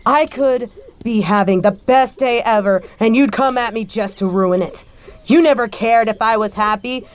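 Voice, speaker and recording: In a scripted audio roleplay monologue, a woman with a high voice plays a bitter adult daughter confronting her neglectful stepfather. She is scathing, swears freely, and sounds angry and accusing, speaking at a moderate pace in a natural voice.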